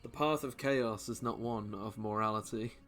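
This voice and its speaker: A man narrating as game master in a tabletop role-playing game, laughing often and slipping into quick voices for side characters. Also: on the low side, music in the background.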